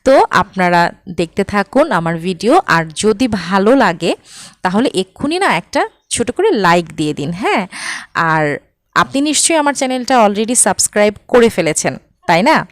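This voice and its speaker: A woman's voice: medium pitch, sing-song, moderate pace, no echo. Chatty young woman vlogger, dry sound. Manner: chatty, many fillers, coaxing viewers. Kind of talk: casual travel vlog narration.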